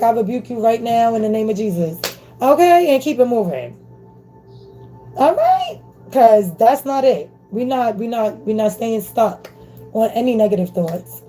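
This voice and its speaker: A woman's voice: fairly high pitch, dark tone, low-quality recording. A woman giving a casual motivational spiritual talk into her phone camera, emphatic and slangy, checking in with listeners with a constant "okay?". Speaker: spiritual reader.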